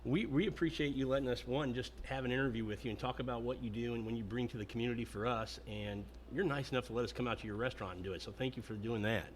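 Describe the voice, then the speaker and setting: Chatty male podcast host, mid pitch. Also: fast, few pauses, slight background noise. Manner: chatty, rambling, enthusiastic. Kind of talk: podcast interview. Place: restaurant.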